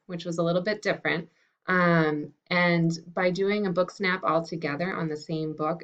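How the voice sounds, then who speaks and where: A woman teacher talking to fifth graders and reading a picture book aloud in a friendly, unhurried way. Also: fairly low pitch. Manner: friendly and unhurried, with some fillers. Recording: dull lo-fi recording.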